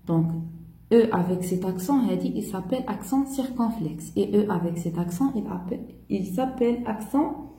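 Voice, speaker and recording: A woman teacher, slowly correcting a primary school French test step by step. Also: mid-range voice, animated, warm tone, echoey room, poor audio. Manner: slow, spells out each step.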